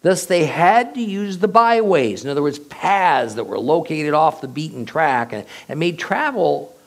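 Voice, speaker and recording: A man giving a verse-by-verse Bible teaching, reading the passage aloud and then explaining it with emphatic, drawn-out phrasing. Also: a little high. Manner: expressive, emphatic delivery with drawn-out pauses.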